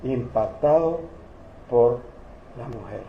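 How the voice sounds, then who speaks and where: A man's voice: medium pitch, lively intonation, slow pace, muffled recording, slight background noise. A man preaching a sermon as pastor, retelling biblical stories with humor and acting out the characters. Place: church. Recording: echoey church hall.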